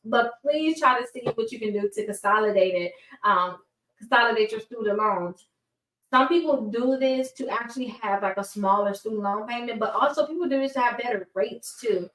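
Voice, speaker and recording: A woman's voice: on the high side, fairly bright tone. Lady with braces doing a casual explainer, chatty, trips on words a bit, echoey room, kinda far from mic. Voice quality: speech slightly hampered by dental braces. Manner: chatty, informal direct address with stumbles and self-corrections. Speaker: host of a personal finance course. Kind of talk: casual instructional talk to viewers.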